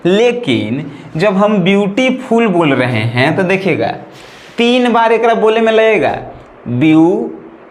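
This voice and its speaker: Brief: male grammar teacher with a Bhojpuri accent, high voice, echoey room. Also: big pitch swings, unhurried. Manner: repetitive, checks in with "right or not?". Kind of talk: classroom-style lesson.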